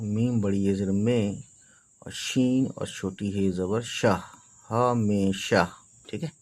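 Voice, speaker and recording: A man with a lowish, mellow voice teaches beginners to read in a slow lesson, spelling out each word letter by letter. He often reassures them that it's easy.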